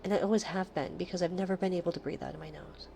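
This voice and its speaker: A livestream host with a soft, nasal, low voice chats casually late at night, drifting into breathy whispers between chatty asides. She speaks at a racing pace with fairly even intonation. The close-up streaming mic picks up a little hiss or hum.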